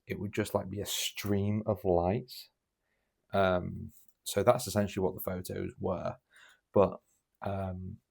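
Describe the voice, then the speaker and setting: A man's voice: low-pitched, vocal fry, darkish tone. A young man, casually telling a story in a rambling way, full of fillers and restarts. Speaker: podcast host.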